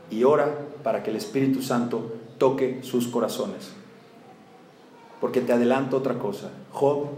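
A man's medium-pitched, darkish voice carries a Mexican accent as he preaches, hitting the congregation with jokes and rhetorical questions. The recording sounds like a roomy hall with faint background noise.

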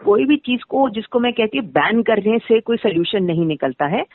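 A woman's voice: on the high side, animated, normal speed, no room sound. A woman explaining legal points as an interview guest, earnest and often hesitating and restarting mid-sentence. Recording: tinny dry phone line.

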